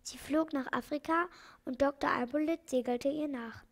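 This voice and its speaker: A woman narrating a children's audiobook in a calm, clear read-aloud manner. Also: sits high, normal speed. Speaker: audiobook reader.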